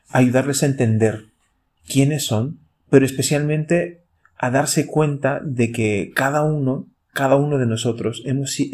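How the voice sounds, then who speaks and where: A man's voice: medium pitch, mellow. A man in his thirties from Chile with a Chilean Spanish accent, a priest hosting a podcast and talking reflectively, asking the listener direct questions. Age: 30s. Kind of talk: casual pastoral podcast talk.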